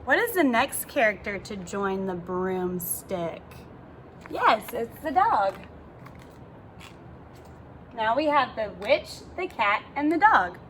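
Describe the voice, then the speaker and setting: Brief: high, sing-song woman teacher, unhurried storybook read-aloud, faint hiss behind. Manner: expressive, asks listeners questions. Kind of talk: picture-book read-aloud for children.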